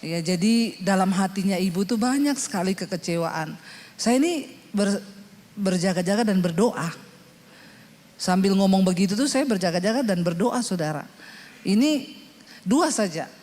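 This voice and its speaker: A woman pastor preaching, telling funny stories in a colloquial, animated way. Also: mid-range voice, normal speed, pauses often, long reverb tail. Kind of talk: sermon with storytelling.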